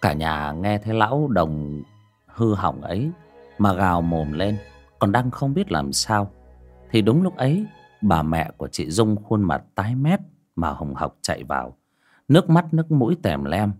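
A man narrating an audio ghost story in a dramatic, expressive reading. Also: low voice, measured pace, soft background music.

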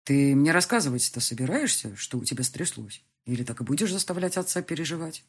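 A woman reading an audiobook, voicing an older father who is caring but stubborn and coaxing, with a breathy voice. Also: low-pitched, expressive, fairly quick, full character voice. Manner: soothing, then insistent and scolding.

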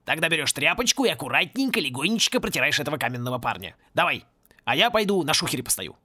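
A man voicing a gruff school caretaker who grumbles and bosses people around. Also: on the high side, big pitch swings, quick pace, sharp tone, no room sound, studio quality, full character voice. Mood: grumbling. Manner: grumbling, bossy. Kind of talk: audiobook character voice.

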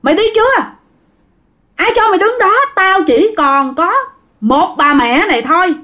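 A woman voicing a frantic middle-aged man who holds a knife and shouts threats at an unseen spirit. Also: animated, moderate pace, exaggerated voice. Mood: frantic shouting. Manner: shrill, shouting, repetitive threats.

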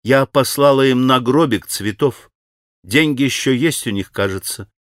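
A man reading an audiobook, voicing a proud, tormented young woman in quick, clipped, strained speech. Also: medium pitch, no echo, clean studio sound, close to an everyday voice.

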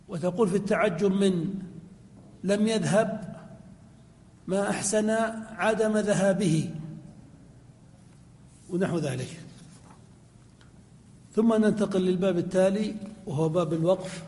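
A man, a sheikh, teaching a classical grammar lesson in a mosque, reading the text aloud and explaining it in a measured way, slowing down to intone quoted lines and verse. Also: high-pitched, a little mellow. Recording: long hall reverb.

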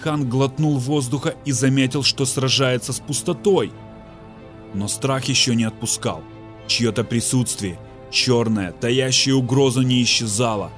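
A man reading an audiobook in a measured, suspenseful narration style. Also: mid-range voice, soft background music. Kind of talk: dramatic scripted narration.

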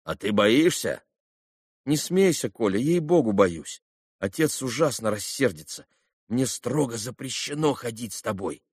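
A man's voice: mid-range voice, animated, measured pace, a little mellow, husky, no echo, studio quality. A man voicing a timid schoolboy afraid of getting in trouble, in a storybook reading. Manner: timid, worried. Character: timid schoolboy, anxious about his father.

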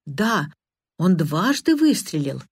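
A woman doing a curt, calm older gentleman. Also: on the low side, takes it slowly, breathy edge, dry recording, studio quality, heavily acted. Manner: curt, dismissive. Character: middle-aged man, calm, curt and authoritative.

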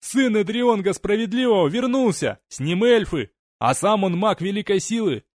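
Condemned captain, desperate shouting, pitched up; male narrator puts him on. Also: expressive, moderate pace, no echo, studio quality. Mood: defiant.

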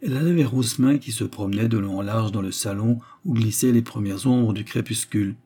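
A man reading a novel aloud as an audiobook, in steady, measured narration. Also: lowish voice. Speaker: audiobook reader.

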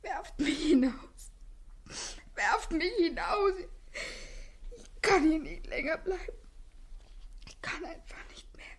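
A woman's voice: high-pitched, normal speed, gravelly, breathy edge, full character voice. An actress playing a tearful, despairing young woman of twenty-four in a 1960s radio drama, often whispering. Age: 20s.

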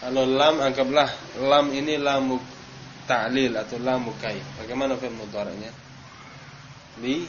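A man's voice: medium pitch, flat delivery, unhurried, a crowd in the background. A man teaching Arabic grammar to a class, quizzing students by name and stressing drill words. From Indonesia. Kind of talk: classroom lesson. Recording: dull noisy classroom recording.

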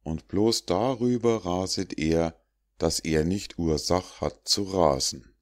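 Deep, slow male narrator reading verse. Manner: measured, rhythmic verse reading. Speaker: audiobook narrator. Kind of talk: reading rhymed fables aloud.

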